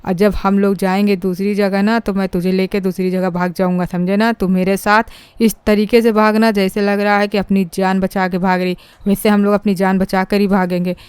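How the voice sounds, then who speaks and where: A woman voicing a loyal male dog sidekick in a fan dub of a game story, plotting in a hushed way. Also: mid-range voice, little pitch movement, moderate pace, clean tone, no room sound, close to an everyday voice. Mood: scheming. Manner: conspiratorial, hushed.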